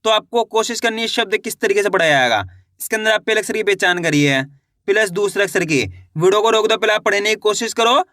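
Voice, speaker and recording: A man teaching beginners to read, sounding out each letter slowly and encouraging his viewers, checking often whether they follow. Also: high voice, sharp tone, dry recording, clean studio sound. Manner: encouraging, addresses viewers as friends. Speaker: reading teacher. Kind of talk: beginner reading lesson.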